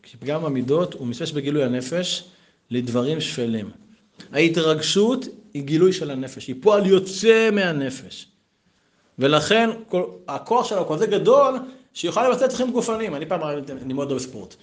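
A man in his thirties teaching a Torah lesson in a conversational, animated way, mixing text study with personal stories. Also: on the high side. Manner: animated, conversational, lively asides. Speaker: yeshiva teacher.

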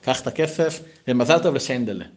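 A man voicing a calm, wise old rebbe who gives quiet instructions. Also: mid-range voice, close to an everyday voice.

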